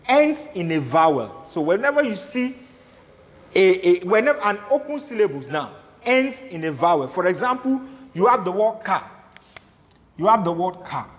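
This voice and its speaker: A man giving a Hebrew grammar lecture, repeating his points and asking the class questions. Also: sits high. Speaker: Hebrew teacher. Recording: echoey hall.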